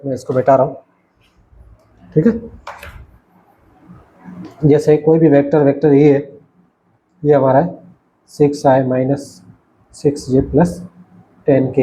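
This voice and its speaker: In a recorded lecture, a man explains things patiently at a writing board, repeating himself and often checking that his students are keeping up. His mid-range voice has a dark, level tone, and he speaks slowly with long pauses. The recording is dull and lo-fi.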